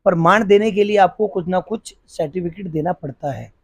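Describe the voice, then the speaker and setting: A middle-aged policeman talks earnestly about his work, pausing and restarting as he hunts for words. His voice sits high for a man. The sound is dry and close, with almost no room echo. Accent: Hindi. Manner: earnest, repeats and restarts while searching for words. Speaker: police officer running a free school. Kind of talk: interview answers.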